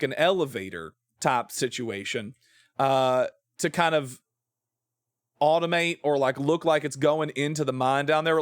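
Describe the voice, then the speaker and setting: Playing a building game on his livestream, this American man from the southern-adjacent US thinks aloud in casual, rambling chatter. His voice is a little high, and the recording is dry and studio quality.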